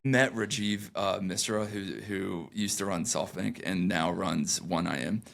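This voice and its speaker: A man's voice: deep voice, steady tone, a little slow, gravelly, fairly bright tone. A young man, a founder being interviewed, talking in a loose and rambling way with many fillers and restarts. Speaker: founder, guest. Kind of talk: casual podcast interview.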